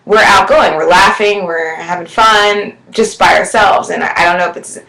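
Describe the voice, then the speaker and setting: Loud, bright young woman in a roomy recording. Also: lowish voice, normal speed, gravelly. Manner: loud, candid, laughs often. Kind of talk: casual chat. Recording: roomy echo.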